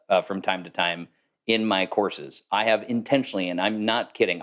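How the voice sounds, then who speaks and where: A man speaking as a podcast guest, explaining ideas in a thoughtful, casual way with fillers. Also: lowish voice. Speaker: guest, AI consultant. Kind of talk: casual interview talk.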